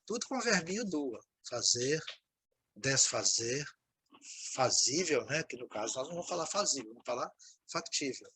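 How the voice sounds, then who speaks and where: Very animated and sharp-toned, this Brazilian man speaks at normal speed in a mid-range, slightly rough voice, and the audio is poor. He teaches English vocabulary on video with a Brazilian Portuguese accent, patiently repeating words, explaining, and checking on his students with frequent "né, gente?"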